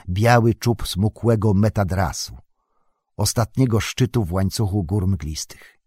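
A man narrating a fantasy audiobook in an even, unhurried storytelling manner. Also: fairly low pitch, slightly rough, no room sound, clean studio sound.

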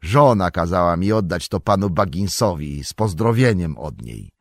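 A man voicing a gruff, talkative middle-aged hobbit farmer who speaks loudly and bluntly in a raised voice. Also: low-pitched, expressive, normal speed, dry recording, studio quality. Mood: homely. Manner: loud, blunt, homely and talkative.

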